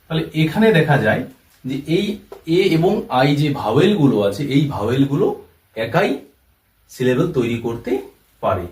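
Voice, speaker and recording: Male teacher giving a slow, repetitive lesson, recorded from a distance in a reverberant room. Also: medium pitch, big pitch swings, darkish tone. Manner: slow, step-by-step, repeats terms and examples. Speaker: English teacher. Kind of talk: classroom-style lesson explanation. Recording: roomy echo, voice from far off the mic.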